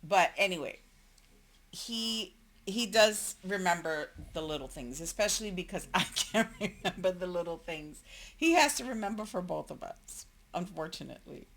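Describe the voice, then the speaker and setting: A woman in her forties with a bright yet slightly low voice co-hosts a relationship podcast with her husband. She rambles chattily, tells anecdotes, and laughs often. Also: expressive, moderate pace. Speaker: podcast co-host. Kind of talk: casual couple chat.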